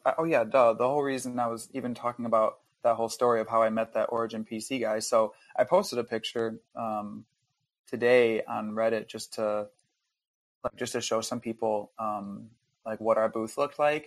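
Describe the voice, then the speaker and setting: A man's voice: mid-range voice, no room sound. A man chatting casually as a guest game developer on a podcast, rambling with plenty of fillers. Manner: relaxed, rambling, lots of fillers.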